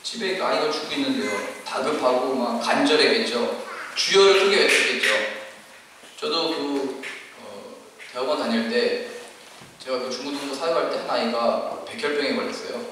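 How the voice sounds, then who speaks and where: A man's voice: medium pitch, moderate pace, noisy background. A male pastor preaching a sermon, dramatically acting out the cries of biblical figures. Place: church hall. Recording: echoey church hall, mic far off.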